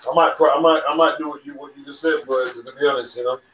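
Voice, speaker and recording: A man hosting a casual livestream chat about boxing. He is lively, then trails off into low, quiet mumbles. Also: fast. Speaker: livestream host. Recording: roomy sound with faint noise.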